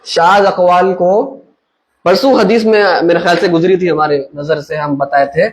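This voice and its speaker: A man leads a relaxed religious class, his voice sitting high for a man. He talks things through with homely examples and keeps asking whether his listeners follow. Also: normal speed, rough recording. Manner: explains with everyday examples, checks understanding with listeners. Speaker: religious teacher. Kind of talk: conversational Islamic lesson.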